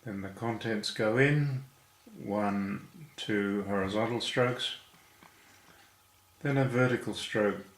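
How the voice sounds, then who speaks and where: A man with a fairly low voice walks through a lesson at an unhurried pace. He explains each step with patience. The room around him rings with echo. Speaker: language teacher.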